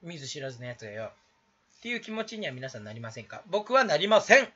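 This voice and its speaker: A man's voice: fairly high pitch, big pitch swings, quick pace, background noise. A man rambling jokingly to camera in a vlog, putting on a fake Kansai dialect, in a dull lo-fi recording. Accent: put-on Kansai dialect. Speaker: YouTuber. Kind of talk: casual solo vlog.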